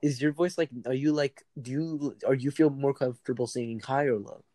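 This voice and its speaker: A man's voice: mid-range voice, steady tone, a little fast, warm tone, no echo. Teasing young man, dry close sound. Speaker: podcast co-host. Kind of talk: casual podcast banter.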